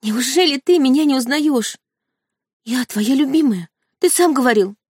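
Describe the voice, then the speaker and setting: A desperate young woman on the edge of tears, put on by a female reader for an audiobook. Her voice climbs high and frantic as she pleads, with a clingy, hysterical edge. The recording is dry and close. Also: expressive, moderate pace, a little mellow, husky, no room sound. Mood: pleading. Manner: pleading, sobbing, high-strung.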